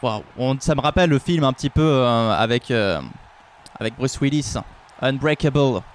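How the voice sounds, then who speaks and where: A man's voice: mid-range voice, normal speed, a little hiss or hum. A man hosting a live stream and commentating fights with jokey, mock-serious banter. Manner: jokey, mock-serious, rises into excited calls. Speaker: host and commentator.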